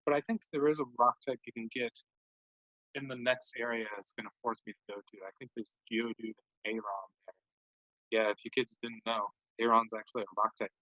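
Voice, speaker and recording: A man's voice: mid-range voice, fairly even intonation, fairly quick, pushed and bright, no echo. A man giving rambling, self-mocking casual commentary while playing a video game. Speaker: let's play commentator. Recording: dull lo-fi dry mic.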